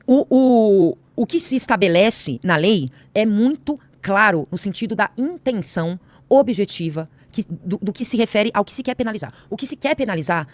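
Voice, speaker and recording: A woman's voice: mid-range voice, expressive, normal speed, hardly any pauses, dry recording. A woman arguing in a heated studio podcast debate, insistent and repeating her phrases with many fillers.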